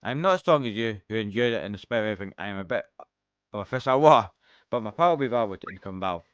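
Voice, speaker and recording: Fast-reading Scottish man voicing game dialogue. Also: expressive, a bit bright, smooth, no echo, dull audio. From Scotland. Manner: reads every character's lines, shifting pitch between parts. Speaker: let's-play streamer.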